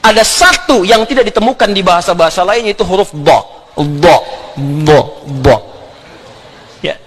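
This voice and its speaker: A middle-aged man giving an animated religious lecture, often laughing and sounding out letters. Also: high-pitched, fast. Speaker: Islamic preacher.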